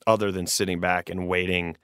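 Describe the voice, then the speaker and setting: A man's voice: low-pitched, little pitch movement, fairly quick, a bit bright, smooth, dry recording. Thirtysomething guy giving advice on a podcast, earnest and rambly, keeps restarting, dead dry mic. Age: 30s. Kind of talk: casual advice chat.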